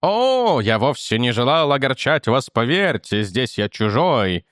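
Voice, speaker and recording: A man's voice: medium pitch, sing-song, measured pace, fairly bright tone, no room sound, clean studio sound. A man voicing a timid male court jester who pleads in a flowery, tearful way. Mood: pleading.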